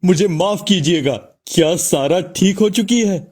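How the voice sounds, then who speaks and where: An actor playing a quick-tempered rich father who barks orders at his family, in a dubbed drama. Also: high-pitched, a little mellow, husky. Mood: worried. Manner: bossy, threatening. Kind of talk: Hindi dub of a drama series.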